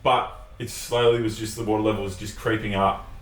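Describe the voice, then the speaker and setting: Low-voiced Australian man recounting a trip. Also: fairly quick, a crowd in the background. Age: young adult. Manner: relaxed storyteller, swears, hesitant fillers. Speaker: guest. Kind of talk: casual chat, storytelling. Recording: roomy sound, mic at a distance, faint hiss.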